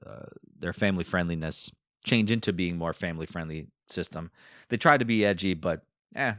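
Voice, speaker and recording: A man's voice: deep voice, no room sound, studio quality. A man with an Eastern European accent hosting a podcast, talking casually and rambling with fillers and asides. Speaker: podcast host. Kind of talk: casual solo podcast talk.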